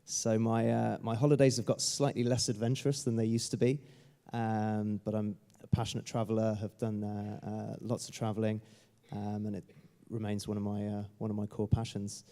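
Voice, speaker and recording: Guy on a panel, low mellow voice, lots of uhs, reverb from a big hall. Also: level tone, moderate pace. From England. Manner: hesitant, many uhs. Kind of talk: conference self-introduction.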